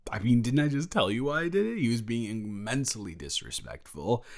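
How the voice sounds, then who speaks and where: A young man improvises as a protective roommate who is secretly jealous in an intimate audio roleplay. His mid-range voice is very animated and defensive, yet his speech comes out casual, halting, and hesitant.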